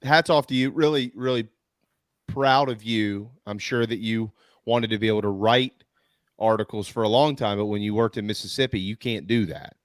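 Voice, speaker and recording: A man's voice: fairly low pitch, normal speed, no echo. A man co-hosting a sports talk show, who banters and teases his partner. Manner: teasing, joking banter. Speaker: co-host. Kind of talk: sports radio chat.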